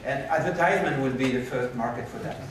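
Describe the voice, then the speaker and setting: A man giving a conference keynote and answering questions, animated and moving about the stage, recorded from a far camera in a lecture hall. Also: mid-range voice, quick pace, noisy background. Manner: animated, gestures while pacing the stage. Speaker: keynote speaker. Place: lecture hall with projector screens. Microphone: far room camera.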